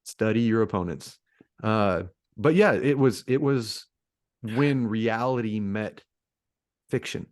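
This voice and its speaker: A man co-hosting a podcast, telling a story in a relaxed, casual way with restarts and fillers. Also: fairly low pitch, takes it slowly, no echo, studio quality. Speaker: podcast co-host. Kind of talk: casual chat.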